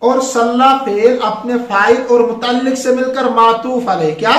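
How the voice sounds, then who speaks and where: A man's voice: extremely high pitch, normal speed, a bit bright. A male teacher giving a classroom grammar lesson, asking questions and leaving words unfinished for his students to complete. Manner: quizzing, leaves words for students to finish. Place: classroom with a board. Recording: echoey room.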